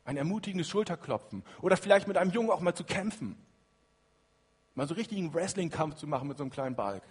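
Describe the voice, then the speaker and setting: A man preaching a sermon in a lively way, moving between loud emphatic lines and hushed quiet ones. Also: fairly high pitch, quick pace, slightly rough, long reverb tail.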